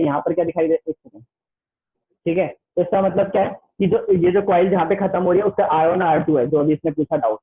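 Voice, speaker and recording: A man teaching an online class with a Hindi accent, chatty and repetitive, reading the textbook aloud slowly in English. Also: a little high. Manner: chatty, keeps saying "listen carefully", reads the textbook slowly in English. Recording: tinny phone-like online class audio.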